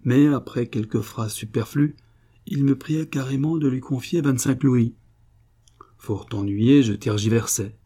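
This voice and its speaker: Dark, husky male audiobook reader. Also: medium pitch, a little slow. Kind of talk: literary audiobook narration.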